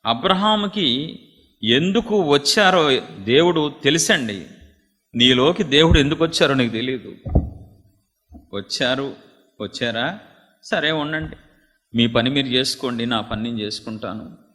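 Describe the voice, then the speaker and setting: Dramatic male pastor preaching, bright sharp voice, big echoey meeting hall. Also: lively intonation, a little slow, long pauses. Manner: dramatic, swings from hushed to loud and high. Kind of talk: sermon.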